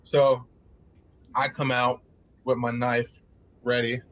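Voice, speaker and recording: A man plays a tabletop game and reacts eagerly to each turn. His voice sits at an ordinary pitch. He comes through a dull, lo-fi mic. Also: flat delivery, slow, fairly bright tone. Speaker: player. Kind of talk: tabletop game play, casual chat.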